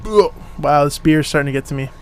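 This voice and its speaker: A man's voice: on the high side, quick pace, clean tone, faint music behind. A man co-hosting a podcast, goofy and joking as he quizzes his guests. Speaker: co-host. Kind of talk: casual podcast banter.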